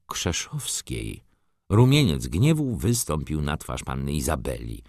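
Man, audiobook narration, theatrical, deep, very animated intonation. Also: moderate pace, dry recording, clean studio sound. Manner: expressive, theatrical. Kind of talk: audiobook reading of classic prose.

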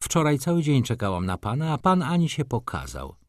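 A man's voice: medium pitch, wildly swooping pitch, fairly quick, dry recording, studio quality, pitched above the performer's own voice. A man reading an audiobook, voicing a haughty, capricious society lady who talks in an offended, reproachful, coquettish way.

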